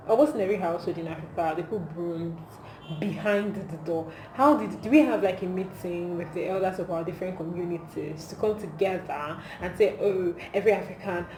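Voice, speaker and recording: A woman's voice: lowish voice, brisk. A woman with a Nigerian accent, chatting casually in an amused, emphatic way as she films a comedic vlog on her phone. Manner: amused, animated, emphatic with rhetorical questions. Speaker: video creator. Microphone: phone camera. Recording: echoey room, clear background noise, phone recording.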